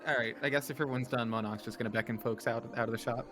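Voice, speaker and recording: A man playing a tabletop game, casually describing what their character does in an informal, animated way. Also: medium pitch, rapid-fire. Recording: music clearly behind the voice.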